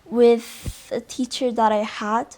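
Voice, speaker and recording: A woman's voice: a little high, little pitch movement, takes it slowly, warm tone. A teenage girl from Spain, a podcast guest, speaking hesitantly and repeating words as she searches for them. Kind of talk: casual chat.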